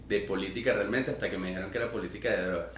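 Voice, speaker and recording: A man's voice: lowish voice, fairly even intonation, very fast, a bit bright. Venezuelan man hosting, in an echoey room. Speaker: podcast host. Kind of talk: casual interview conversation.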